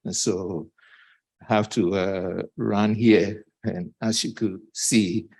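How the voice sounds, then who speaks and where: A man speaking as a panelist at a conference, a bit out of breath, halting with many fillers. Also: on the low side, fairly even intonation, vocal fry, darkish tone, husky, rough recording. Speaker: panelist from a development bank.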